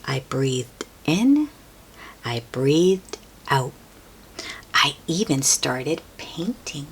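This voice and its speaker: A woman reads a picture book aloud to children in a theatrical storyteller's style. Her pitch moves around a lot, and she takes her time, stretching key words for emphasis. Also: very animated, slight background noise. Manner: theatrical, deliberate phrasing with drawn-out emphasis.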